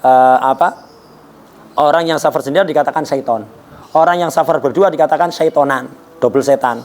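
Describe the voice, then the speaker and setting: A man's voice: fairly high pitch, brisk, darkish tone. A man teaching an Islamic jurisprudence lesson in a conversational way, asking rhetorical questions and joking. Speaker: religious teacher.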